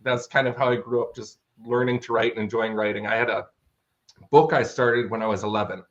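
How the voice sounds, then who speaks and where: A medium-pitched American man in his thirties speaks a little fast with fairly even intonation, the recording muffled. As a fantasy author and interview guest, he tells stories casually, enthusiastically and wordily.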